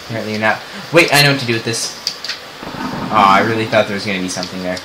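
A man's voice: on the low side, quick pace, rough recording. A young man in casual let's play commentary, chatting easily and explaining the game as he plays. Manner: easygoing, chatty, explaining moves. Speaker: gaming co-commentator. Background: game music.

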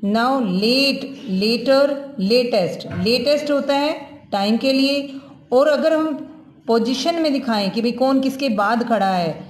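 A woman teaching English grammar to school students, explaining slowly and repeating example words, often asking if they understand. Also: a little high, slight background noise. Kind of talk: classroom lesson in Hindi-English mix. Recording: echoey room.

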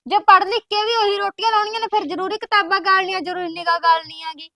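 A woman playing a sharp-tongued Punjabi elder sister. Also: very high voice, little pitch movement, vocal fry, exaggerated voice. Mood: scolding. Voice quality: scolding, quick-tempered. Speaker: actor in a family web drama.

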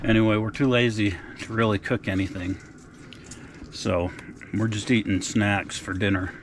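Middle-aged man, casual vlog host, easygoing and folksy; lowish voice over steady background noise. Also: normal speed. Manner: laid-back, folksy updates. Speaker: outdoor vlogger. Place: frozen lake outdoors and inside an ice-fishing tent.

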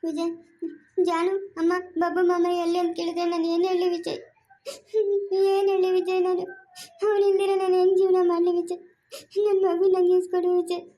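A woman's voice: very high-pitched, flat delivery, quick pace, mellow. A woman playing a tearful pleading mother. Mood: sobbing. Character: grieving young mother losing her son. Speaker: mother in a family drama. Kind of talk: amateur family drama acting.

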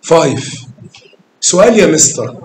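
A man's voice: on the high side, sing-song, moderate pace, a little mellow, a little hiss or hum. A man with an Egyptian Arabic accent teaching math to a class of children, coaxing them with questions and calling pupils by name with endearments. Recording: echoey classroom.

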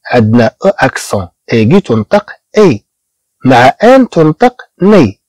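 A man from Morocco who teaches beginners French. He repeats each word slowly and explains it in Moroccan-accented Arabic. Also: medium pitch, very animated, a little mellow, no room sound, rough recording. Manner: slow repetition of words, explaining in Arabic.

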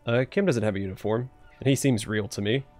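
A let's player reads a video game's dialogue and narration aloud, sounding casual and tentative. His voice is fairly low, a little mellow and fairly quick, with faint music in the background.

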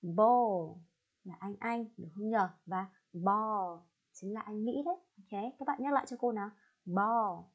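A woman's voice: medium pitch, moderate pace. A woman from Vietnam teaching an online lesson to children, drilling each word patiently. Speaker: English teacher. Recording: slightly dull lo-fi recording.

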